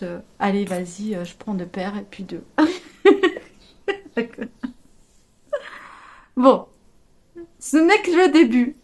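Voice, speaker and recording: Woman, knitting vlogger, casual storytelling, chatty, animated, fairly high voice. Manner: chatty, animated, many fillers and laughs.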